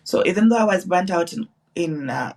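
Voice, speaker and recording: A nurse and business owner from Uganda in her thirties appears as an interview guest on an online live broadcast, telling her story earnestly with restarts and repeats. Her lowish voice is expressive and a bit mellow, she talks fairly quickly, and she's far from the mic.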